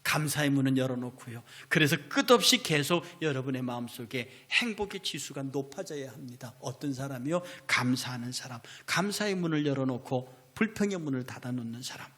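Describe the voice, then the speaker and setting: A middle-aged male pastor giving a sermon, swinging between forceful declarations and whispered asides. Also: mid-range voice, expressive, brisk, few pauses. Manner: impassioned preaching that swings from loud to whispered asides.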